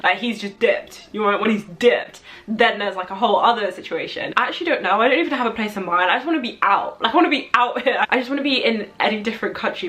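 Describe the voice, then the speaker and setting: A woman's voice: mid-range voice, fairly bright tone. A young adult woman with a London accent chatting casually as she answers viewer questions, thinking aloud in a rambling way with frequent asides. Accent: London English. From London, England.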